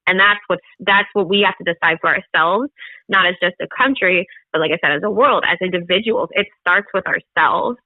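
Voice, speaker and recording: A woman's voice: on the low side, fairly quick, no room sound. A woman from the United States, co-hosting a podcast and speaking in an earnest, emphatic way in casual discussion. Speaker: podcast co-host. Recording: thin phone-like line.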